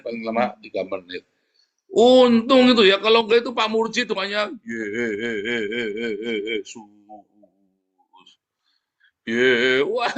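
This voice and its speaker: A man preaching a lively sermon, often calling out to the congregation, his voice leaping up in pitch for emphasis. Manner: often addresses the congregation as "saudara". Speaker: pastor.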